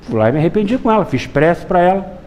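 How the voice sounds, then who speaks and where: A middle-aged man giving a Spiritist public lecture, telling folksy stories and often asking the audience to agree. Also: quick pace. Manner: lively storytelling with wide pitch swings.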